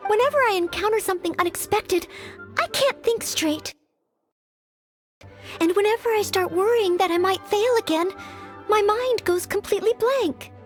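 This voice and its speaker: A young maid from an anime video game who dreams of becoming a knight speaks in a strikingly high, sweet, girlish voice over light music. She sounds nervous, earnestly polite with an anxious, hesitant edge, talking at normal speed with long pauses.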